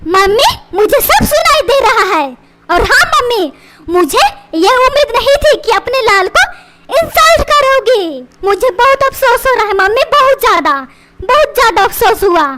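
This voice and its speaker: A woman's voice: very high-pitched, expressive, moderate pace, very noisy. A woman voicing a cheeky, scheming young boy who fakes being sick to skip school, talking in a whiny, pleading way. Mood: hurt.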